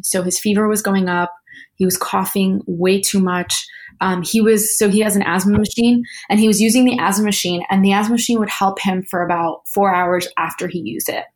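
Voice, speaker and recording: Young New woman, chatty, candid storyteller, mid-pitched voice. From New York. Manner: chatty, fills speech with "like", acts out family members' lines. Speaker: guest sharing a personal story.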